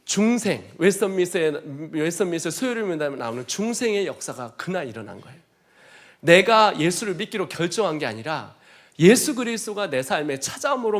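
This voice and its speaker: A missionary giving a testimony sermon, telling his story in an earnest, emotional way. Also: on the high side.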